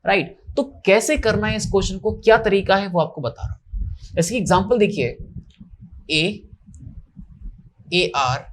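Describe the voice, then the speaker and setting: A man's voice: high voice, fairly bright tone. A man teaching maths step by step in a classroom lecture, posing questions and answering them himself. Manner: explains step by step, asks and answers his own questions.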